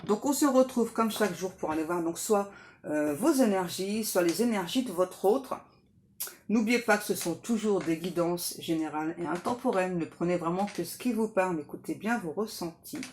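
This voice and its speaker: A woman medium giving a casual spiritual guidance reading, hesitant with many fillers and soft and reverent when praying. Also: on the low side, expressive, moderate pace, a little hiss or hum.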